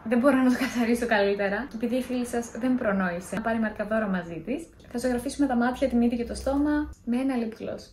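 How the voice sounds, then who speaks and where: Young woman vlogger, chatty, self-mocking, somewhat high voice, echoey room, faint hum. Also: darkish tone. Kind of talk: casual vlog, telling scary stories.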